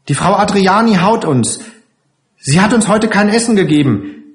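A man reading aloud, voicing a frightened little girl who talks in a high, tearful, pleading way. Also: animated, moderate pace, echoey room. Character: frightened small girl, sobbing.

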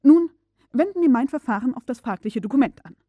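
A woman voicing a gruff, obsessive old male professor in an audiobook, speaking in a stern, commanding way that breaks into angry shouts. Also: high-pitched, expressive, fairly quick, no echo, phone-quality sound, pitched above the performer's own voice. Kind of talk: audiobook character reading.

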